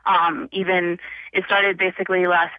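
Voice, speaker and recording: A woman calling in to a radio show over the phone, speaking casually and hesitantly with many pauses and ums. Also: fairly low pitch, flat delivery, dry recording. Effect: heard over the phone. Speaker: radio call-in caller. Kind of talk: casual call-in chat. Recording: muffled, dry phone line.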